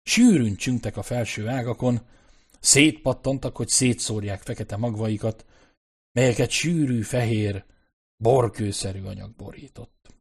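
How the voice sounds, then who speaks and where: A man narrating an adventure novel in a measured, descriptive storytelling style. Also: mid-range voice, slightly rough. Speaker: audiobook narrator. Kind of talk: scripted narration.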